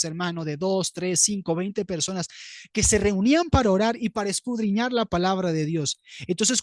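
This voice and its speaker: A man's voice: high-pitched, dry recording, studio quality. A man preaching an earnest sermon, often calling his listeners brother. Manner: earnest, keeps addressing listeners as "hermano". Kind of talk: sermon teaching.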